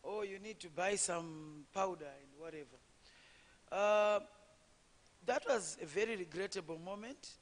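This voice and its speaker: A woman politician from Zimbabwe with a low voice often mistaken for a man's, sharing her experience on a conference panel in a measured way, with frequent fillers and restarts. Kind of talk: personal account on a conference panel. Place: conference hall. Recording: long hall reverb.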